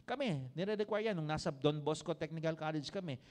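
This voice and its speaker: Man, Filipino accent, middle-aged pastor, church sermon, higher-pitched, emphatic questioning. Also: lively intonation, fast talker, a little mellow.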